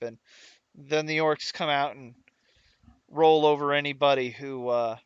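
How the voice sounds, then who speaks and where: A man voicing a weary, matter-of-fact male guard captain in a tabletop game, with a faint put-on Southern drawl, rambling and halting with many restarts. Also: fairly high pitch, fairly bright tone, smooth, no echo, highs cut off, close to an everyday voice. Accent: put-on Southern US drawl, dropping.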